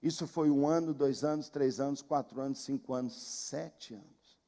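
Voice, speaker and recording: A man's voice: mid-range voice, steady tone, fairly quick, dark tone, in a large hall. A man with a Brazilian Portuguese accent preaching a sermon, telling a story emphatically and repeating phrases for effect. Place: church.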